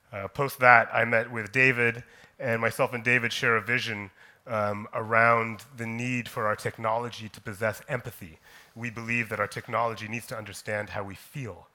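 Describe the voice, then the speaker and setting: A man from Kenya telling his personal story on a conference stage, slow and deliberate, with frequent pauses and "um"s. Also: lowish voice, sharp tone. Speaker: conference speaker, company co-founder.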